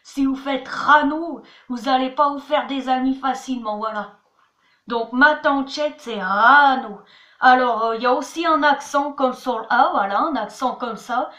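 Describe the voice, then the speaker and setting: A channel host gives a chatty homemade language lesson in an echoey room, spelling words out letter by letter and repeating "voilà" and "attention." Her high, bright voice carries a forceful tone at a moderate pace.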